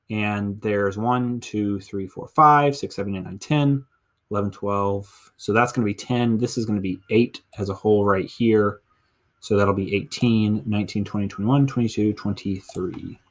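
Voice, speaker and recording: In an instructional screencast, a middle school teacher in his thirties with an American accent walks through a lesson step by step, counting aloud. His voice sits on the low side and moves at a moderate pace.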